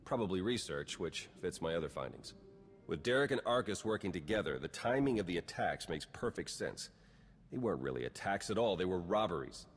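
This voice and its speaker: An actor voices a wry, cynical male spy in a video game cutscene, dry and understated as the intelligence agent delivers a determined briefing. His low voice has lively intonation, a breathy edge and a slightly fast pace. The recording carries long hall reverb with noisy ambience behind it.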